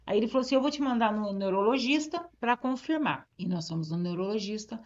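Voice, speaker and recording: A woman pastor from Brazil giving an emotional testimony. She talks at a middle pitch and acts out both sides of a conversation. The audio is slightly dull and muffled. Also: expressive, fast, darkish tone. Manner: emotional storytelling, acts out dialogue. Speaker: pastor, interviewee. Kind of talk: personal testimony.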